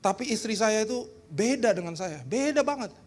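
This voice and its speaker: High-voiced Indonesian pastor joking through a sermon. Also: male voice, normal speed. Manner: humorous, teasing the congregation, animated. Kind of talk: lively church seminar sermon. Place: church hall.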